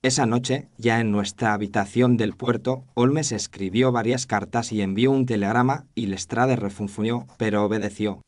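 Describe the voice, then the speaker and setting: A man's voice: on the low side, steady tone, normal speed, hardly any pauses, a little mellow, close to an everyday voice. A man narrating as a thoughtful doctor recounting a case in an audio drama, in a reflective, literary manner. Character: thoughtful male doctor narrating his memoir. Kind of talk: scripted narration.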